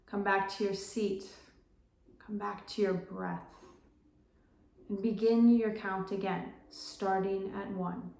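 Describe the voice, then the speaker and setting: A woman leads a breath-counting meditation at a very slow, unhurried pace. Her mid-pitched voice gives gentle instructions in short, spaced phrases. The sound is roomy, with a noticeable echo. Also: steady tone, creaky, a little hiss or hum. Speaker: meditation guide.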